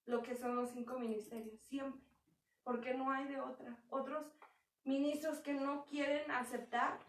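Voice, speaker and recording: Young woman, conversational sermon, high pitch, roomy hall sound. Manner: conversational preaching with acted quotes. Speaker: church speaker. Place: church hall. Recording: echoey hall from far off.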